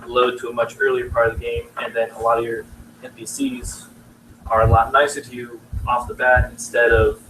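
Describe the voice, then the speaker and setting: A young man casually pitching his game in a live presentation, halting and full of fillers. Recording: distant mic in noisy room.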